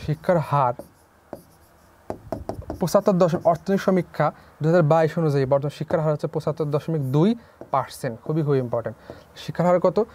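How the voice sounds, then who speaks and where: Young male tutor with a somewhat high voice for a drill-style online lesson. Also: brisk, long pauses, a little mellow, slight background noise. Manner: repeats key figures as questions to students. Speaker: teacher. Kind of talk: online class lecture.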